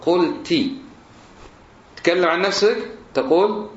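A man's voice: high voice, a little slow. A man teaching a class and drilling verb forms through questions. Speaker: religion teacher. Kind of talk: classroom lesson. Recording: roomy, dull lo-fi recording.

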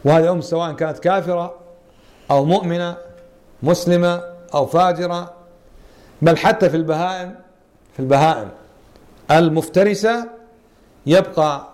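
A man's voice: a little high, a little fast, long pauses, darkish tone. A man teaching a Quran interpretation lesson as a religious teacher, quizzing his students and repeating and stressing key words.

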